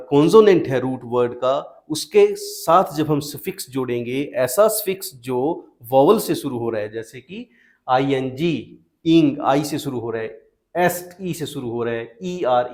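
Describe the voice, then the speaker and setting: Slow, patient male teacher. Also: on the high side, darkish tone. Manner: slow, patient, asks questions then answers them. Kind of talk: explaining spelling rules to students.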